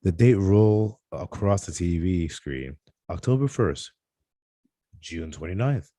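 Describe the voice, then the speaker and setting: This stage-direction reader at a script table read has a low, dark, animated voice and a slow pace, sometimes stumbling and correcting himself as he reads the screenplay aloud live. The studio-quality sound has no room tone.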